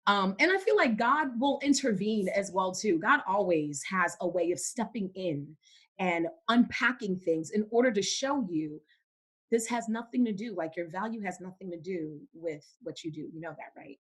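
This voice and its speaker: A woman's voice: medium pitch, expressive, moderate pace, husky. A young woman from Cameroon, a podcast guest in casual faith-based conversation, who speaks emphatically and repeats words for stress.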